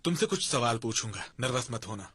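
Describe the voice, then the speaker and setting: A man dubbing a young male manager who asks calm, probing questions, over background music. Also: medium pitch, fairly quick, husky. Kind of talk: Hindi dub of a drama. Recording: music under dialogue.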